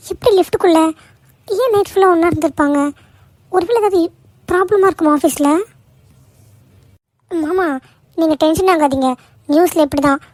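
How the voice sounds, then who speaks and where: A woman's voice: sits high, a little mellow, no room sound, close to an everyday voice. A woman voicing a caring young daughter-in-law in a cartoon, pleading and soothing. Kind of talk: cartoon voice acting.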